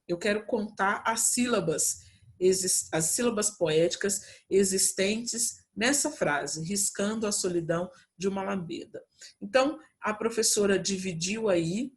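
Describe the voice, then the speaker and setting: A Brazilian woman who teaches Portuguese, giving a class from home and explaining step by step with frequent checks on her students. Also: medium pitch. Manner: explains patiently, lots of checking "né?" and "tá?".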